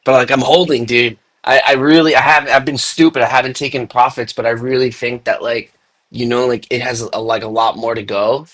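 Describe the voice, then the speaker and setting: Young man, podcast host, casual laid-back chat, slangy "dude" talk, mid-pitched voice. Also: fairly even intonation, fairly quick, fairly bright tone.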